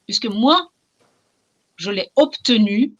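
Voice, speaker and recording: A muffled recording captures a middle-aged woman from Iran talking in French with a Persian accent. Her voice is on the high side and animated as she reflects passionately as a novelist in an interview. She is emphatic, pausing and often repeating phrases for emphasis.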